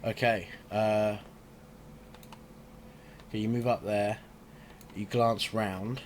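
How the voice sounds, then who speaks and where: Very low-voiced man running a game. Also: fairly even intonation, slow. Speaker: game master. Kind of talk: narrating a tabletop game. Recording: faint background noise.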